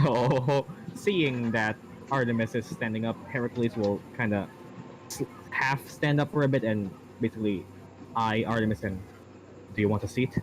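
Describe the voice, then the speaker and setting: A man playing in a tabletop game over voice chat, relaxed and chatty, laughing easily between lines. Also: medium pitch, normal speed, a crowd in the background, poor audio. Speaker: player.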